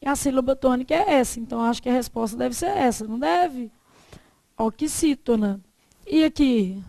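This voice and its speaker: A woman's voice: sits high, animated, normal speed, creaky, dark tone, dry recording. A Brazilian woman teaching a Portuguese class, putting questions to her students and answering them herself. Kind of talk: classroom lesson on exam questions.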